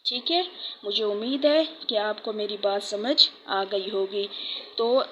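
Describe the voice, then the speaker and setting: A woman's voice: medium pitch, a little slow, highs cut off, slight background noise. A woman teaching prayer steps in a patient instructional talk, repeating key points. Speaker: religious teacher.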